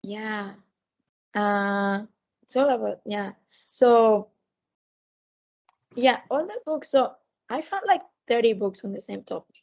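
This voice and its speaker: A woman chatting casually as a podcast co-host, with a thick, sore-throat voice and a halting delivery that often repeats words. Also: medium pitch, vocal fry, darkish tone, lo-fi sound. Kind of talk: casual chat.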